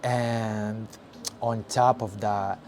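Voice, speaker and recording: A man's voice: on the low side, little pitch movement, a little mellow. Frank young man from Ukraine, noisy recording. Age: young adult. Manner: frank, halting, with frequent fillers and swearing. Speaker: vlogger. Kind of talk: candid personal storytelling. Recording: audible background noise.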